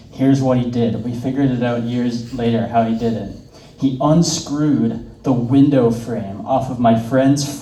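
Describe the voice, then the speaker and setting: A man's voice: medium pitch, mellow. Rambling young man, roomy distant sound. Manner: rambling, filler-heavy, laughs at his own jokes. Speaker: stand-up comedian. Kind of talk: stand-up storytelling.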